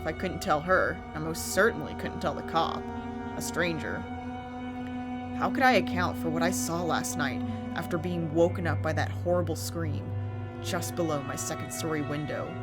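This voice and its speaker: A woman hosts and narrates a campfire horror story. Her voice sits on the low side, and she delivers it in a theatrical, deliberate storytelling way. Music plays clearly behind her. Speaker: host and narrator of a scary story channel.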